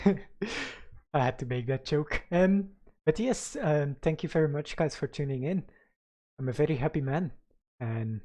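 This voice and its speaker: An esports caster with a mid-pitched voice delivers live match commentary. The delivery is excited play-by-play, mixed with informal, chatty remarks aimed straight at the viewers. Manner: informal, conversational asides to viewers.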